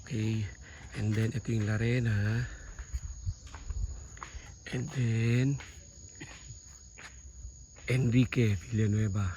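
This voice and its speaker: Slow, chatty man vlogging outdoors. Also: fairly low pitch, fairly even intonation, dark tone. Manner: chatty, talks straight to viewers as "guys", points things out as he goes. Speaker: travel vlogger. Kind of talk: casual travel vlog narration. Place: outdoors on a rural island, roads and a hilltop. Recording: outdoor noise with crickets and passing vehicles.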